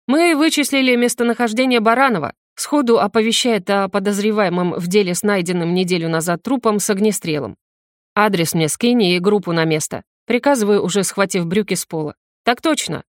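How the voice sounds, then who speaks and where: A woman's voice: mid-range voice, no room sound. Woman reading a novel aloud, dry sound. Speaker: audiobook reader. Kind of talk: first-person scripted narration.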